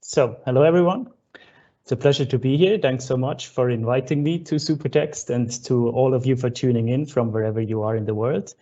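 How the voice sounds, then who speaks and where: Speaking at a fairly quick clip, a young Swiss keynote speaker gives a friendly conference talk by video call, scattering lots of uh fillers throughout. His voice is medium-pitched and mellow, carried over dull, lo-fi online call audio.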